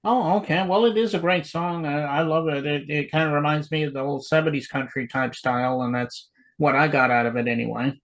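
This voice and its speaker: A man's voice: fairly high pitch, steady tone, fairly quick, hardly any pauses, rough recording. A man hosting an interview show in an easygoing way, with lots of fillers. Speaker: show host.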